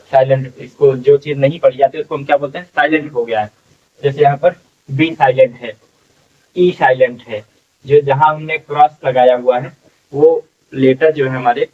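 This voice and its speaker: A man teaching English reading to beginners, sounding out each word slowly and repeating it, with a frequent checking filler between steps. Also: medium pitch, distant mic, narrow, tinny audio. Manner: slow, drawn-out sounding out of words, repeating each one. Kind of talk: phonics lesson for beginners.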